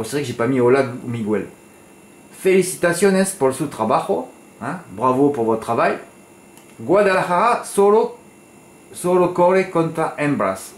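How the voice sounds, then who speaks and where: A man of middle pitch talks horse racing tips straight to his viewers, casual and chatty, tagging his sentences with little asides. He bursts into exasperated scolding now and then. His voice rings in a roomy space with a faint hum of ambience behind it. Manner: chatty, peppered with "hein", flares into exasperated ranting.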